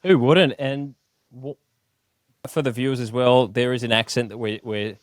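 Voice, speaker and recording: A man's voice: mid-range voice, steady tone, normal speed, dry recording, clean studio sound. A man from Tasmania hosting a podcast interview in an upbeat, joking manner. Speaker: podcast host.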